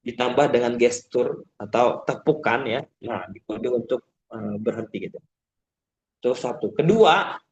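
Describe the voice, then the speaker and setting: A man's voice: mid-range voice, muffled recording. A man giving a casual public speaking webinar, explaining step by step and often ending sentences with a filler. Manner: acts out shouting teachers and chirpy call-and-response. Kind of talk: webinar talk.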